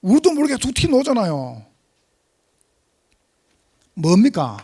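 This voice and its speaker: A male pastor preaching a sermon, emphatic, swinging from loud exclamations to near-whispers. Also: extremely high pitch, huge pitch swings, a little slow, slightly rough.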